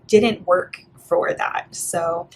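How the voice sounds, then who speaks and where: A young woman from Bulgaria who talks through her bullet journal pages in a relaxed, chatty voice-over full of "like" and "yeah". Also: lowish voice, extremely slow, noisy background. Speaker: art vlogger. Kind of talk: casual voice-over flip-through.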